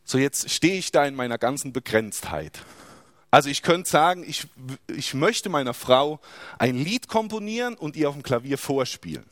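A man's voice: a little high, lively intonation, moderate pace, a bit bright, no room sound, studio quality. A man preaching a sermon, asking rhetorical questions and dropping his voice for emphasis.

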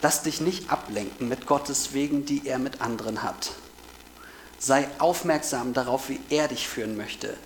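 A man's voice: medium pitch, moderate pace, a little hiss or hum, poor audio. A man reading a Bible passage aloud and then giving a personal devotional talk, earnest and emphatic, with key phrases repeated.

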